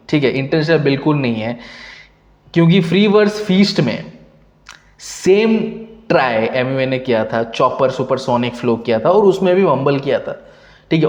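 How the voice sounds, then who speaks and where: An emphatic young man hosts a hip hop reaction commentary and keeps pressing his points with a repeated check-in. His voice sits a little high. The recording is dull and lo-fi, in a roomy space with a long echo. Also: a little mellow. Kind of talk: opinionated commentary. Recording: echoey room, long reverb, dull lo-fi sound.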